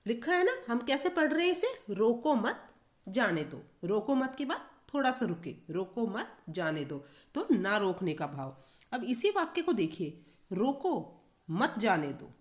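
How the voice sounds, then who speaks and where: A woman teacher walks children through a grammar lesson, repeating each point and checking with questions. Her pitch sits in the middle but moves a great deal, rising and falling as she explains. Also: a little mellow. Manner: repeats and asks the class questions. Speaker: Hindi teacher.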